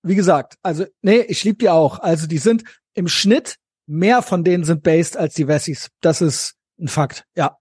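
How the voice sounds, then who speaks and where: A man's voice: on the high side, normal speed, darkish tone, slightly rough, no room sound, studio quality. A man from West Germany co-hosting a podcast, chatting casually and slangily about politics, often tacking on tag questions. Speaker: podcast co-host.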